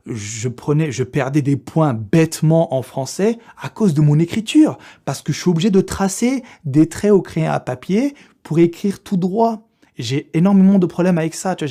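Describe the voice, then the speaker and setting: A young man who makes online videos jokes around with his followers in a crude, slangy way, frequently breaking into laughter. His voice sits a little high but has a dark tone.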